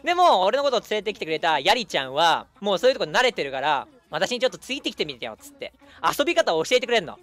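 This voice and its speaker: A young man chatting casually as a streamer, telling a long story in an animated way and acting out the people in it. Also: sits high, very fast, hardly any pauses. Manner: animated, acts out quoted people.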